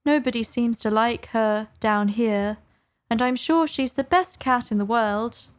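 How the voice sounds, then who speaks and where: A woman's voice: fairly high pitch, a little slow, close to an everyday voice. A woman reading aloud and voicing Alice, an earnest, eager little girl. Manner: eager, pleading.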